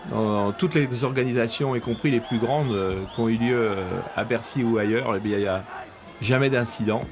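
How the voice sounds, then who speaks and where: A man giving live combat sports commentary in measured, admiring phrases. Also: mid-range voice. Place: ringside in a packed arena. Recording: loud arena crowd and noise behind.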